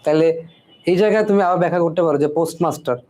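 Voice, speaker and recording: A man's voice: on the high side, very fast, darkish tone. A man teaching a spelling lesson, repeating each word and checking in with "right?" after almost every point. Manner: repeats words and keeps asking "ঠিক আছে?".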